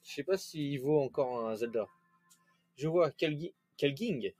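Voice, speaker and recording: A man's voice: on the high side, animated, unhurried, a little mellow, slightly rough, faint music behind. A young man casually commenting as he plays a video game on stream, loose and chatty, swearing now and then. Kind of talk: casual let's-play commentary.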